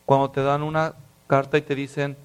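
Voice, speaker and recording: A man preaching a sermon, telling stories with lively acted voices and dropping to hushed, serious tones. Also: medium pitch, brisk, clear, resonant tone. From Mexico. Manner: animated storytelling, acts out voices, drops to hushed tones. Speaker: pastor.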